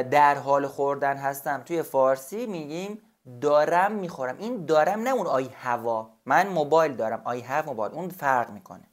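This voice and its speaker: A man teaching a beginner language lesson, patiently repeating and spelling out each example slowly. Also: fairly high pitch. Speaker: English teacher.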